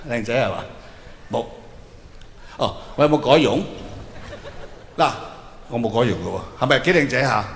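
This middle-aged Hong Kong comic has a medium-pitched voice with lively intonation, a moderate pace and long pauses. Performing Cantonese stand-up in a big arena, he talks colloquially and asks the crowd questions, the PA audio echoey, reverberant and noisy.

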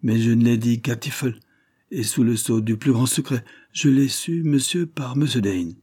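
A man's voice: medium pitch, moderate pace, warm tone, slightly rough, voice pushed up, natural voice. A man reading aloud voices a flustered, deferential butler in a Victorian audiobook, talking in an apologetic, eager manner.

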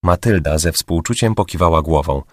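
A man reading an audiobook in a steady, measured narration. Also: low voice, no echo, clean studio sound. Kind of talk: scripted narration.

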